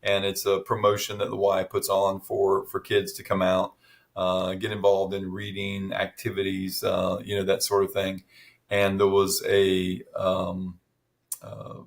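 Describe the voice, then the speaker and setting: A man's voice: sits low, vocal fry. A middle-aged man in casual chat as podcast co-host, telling stories with many restarts and fillers.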